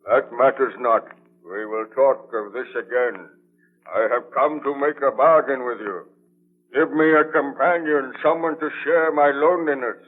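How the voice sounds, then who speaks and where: A man's voice: mid-range voice, unhurried, natural voice. A man playing an anguished, vengeful monster in a 1930s radio drama, speaking in a portentous, declamatory way. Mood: bitter, pleading. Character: anguished, vengeful male monster, lonely man-made creature. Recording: tinny band-limited 1930s radio broadcast.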